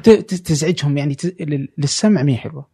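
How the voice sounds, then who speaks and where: A man, hosting a casual interview and pausing often to search for words. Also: on the high side, warm tone, husky, no echo, studio quality. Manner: halting, pauses to search for words. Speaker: podcast host.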